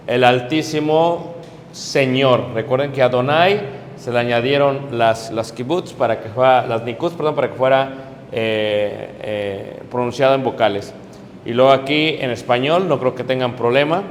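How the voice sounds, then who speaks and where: A man's voice: mid-range voice, big-room sound, a little hiss or hum. A man teaching a church class, explaining worship songs and leading the group to sing and chant phrases after him. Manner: leads a class in call-and-response chanting and singing. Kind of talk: classroom teaching with sung practice.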